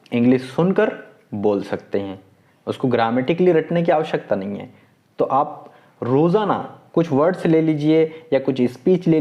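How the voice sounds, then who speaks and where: A man's voice: mid-range voice, mellow. A man giving a step-by-step spoken lesson, encouraging and repeating key words over and over. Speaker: English-speaking teacher. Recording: dull lo-fi sound.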